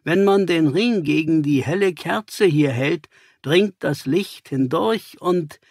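A man doing a calm, superior detective. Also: fairly high pitch, slow pace, slightly rough, no echo, clean studio sound, full character voice.

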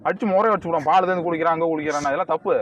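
A man hosting a staged roadside drama on a bridge, talking in an excitable, scolding and advising way. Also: a little high, racing, dry recording, highs cut off. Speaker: vlogger, channel host.

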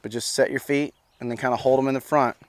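Coaching a new bronc rider outside at a ranch pen, a man in his thirties speaks quickly in a steady, mid-range voice with no echo. His casual, easygoing teaching is peppered with "you know what I'm saying."

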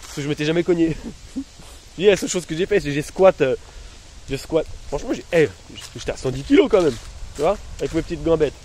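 This casual vlog features a man in his thirties in pain, filming himself with his phone at arm's length outdoors among trees and bushes and rambling to followers in slang. His voice sits a little high and is expressive, fairly quick and slightly mellow, over noisy outdoor ambience.

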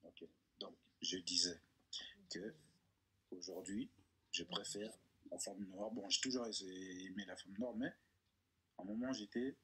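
A man from Congo with a French suburban accent, chatting in a joking, playful way and often jumping into a high voice for effect. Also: fairly even intonation, measured pace, pauses often, a bit bright, breathy edge. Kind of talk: joking casual chat.

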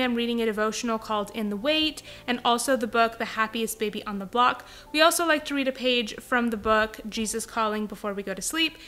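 A young woman hosting her home vlog, upbeat, friendly and chatty. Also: fairly high pitch. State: pregnant. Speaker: vlogger host. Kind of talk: cheerful vlog talk and voice-over narration. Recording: soft background music.

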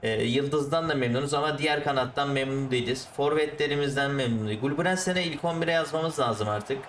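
A man's voice: mid-range voice, a little fast, roomy sound, recorded from a distance, slight background noise. Exasperated man ranting over a football game. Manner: exasperated, ranting at the referee and players; switches to calm explaining of tactics. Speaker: gaming YouTuber. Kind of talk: live football game commentary.

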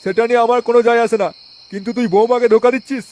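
A man voicing a foul-mouthed angry man in a comic cartoon, cursing in crude rapid bursts. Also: very high-pitched, steady tone. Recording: noisy home recording.

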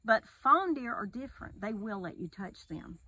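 A woman's voice: a little high, big pitch swings, moderate pace, pushed and bright, slight background noise, poor audio. A middle-aged woman, a wildlife rehabber patiently explaining step by step in a casual outdoor interview by a metal barn wall.

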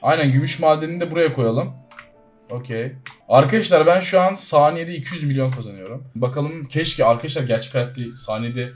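Playing a game, a man who makes gaming videos addresses his audience directly with loose, energetic commentary that veers from loud surprise to soft muttering. Faint, brisk music runs underneath.

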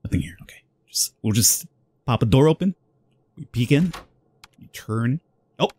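A man's voice: medium pitch, lively intonation, moderate pace, dark tone, breathy edge. A man hosting a horror game playthrough, chatting and rambling casually to his viewers. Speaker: gaming video host.

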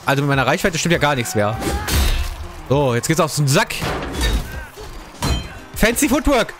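A young man giving excitable, slangy gameplay commentary, yelping and laughing as he plays. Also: a little high, moderate pace, loud music behind the voice. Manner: excitable, slangy, laughs often, yelps at hits. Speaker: gaming YouTuber.

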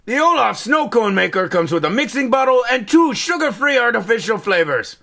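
Man playing a gravelly, high-pitched manic superhero toy. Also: very animated, moderate pace, bright, forceful tone, a little hiss or hum, exaggerated voice. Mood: upbeat showy. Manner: exaggerated, theatrical delivery. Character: manic self-important superhero action figure reviewing toys, comically neurotic. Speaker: toy reviewer. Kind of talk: comedic scripted toy review.

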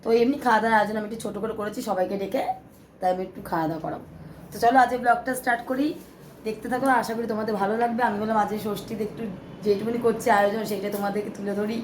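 Hoarse-voiced woman chatting fast at home. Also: medium pitch, steady tone, slight background noise, low-quality recording. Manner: chatty, addresses viewers directly. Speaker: vlogger. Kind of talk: casual home vlog talk to viewers. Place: small home flat. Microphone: phone held in hand.

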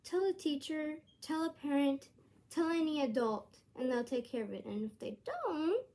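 A woman's voice: sits high, lively intonation, moderate pace, dark tone. A woman vlogging to her channel in a rambling, earnest way, full of hesitant restarts. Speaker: YouTuber. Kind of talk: casual vlog monologue.

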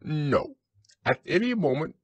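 A man's voice: a little high, sing-song, a little slow, husky, no echo, pitched above the performer's own voice, full character voice. A man voicing a pompous, long-winded storybook owl in a wordy, pedantic, self-important manner. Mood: pompous, explaining.

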